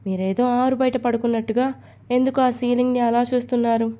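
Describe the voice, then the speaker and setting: Storybook wife, young and playful, coaxing and affectionate, read by a woman, warm and mellow. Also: on the high side, steady tone, fast talker, natural voice.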